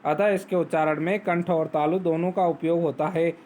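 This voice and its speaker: A man teaching a grammar lesson, explaining step by step, asking questions and answering them himself, and reciting rules slowly. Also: a little high, steady tone, a little mellow, slight background noise. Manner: recites Sanskrit sutras slowly. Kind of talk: Hindi grammar lesson on phonetics.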